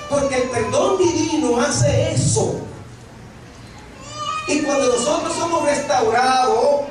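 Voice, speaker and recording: A male pastor preaching a sermon. He reads scripture aloud and asks the congregation rhetorical questions that he answers himself. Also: very high-pitched. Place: church sanctuary. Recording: very echoey hall, distant mic.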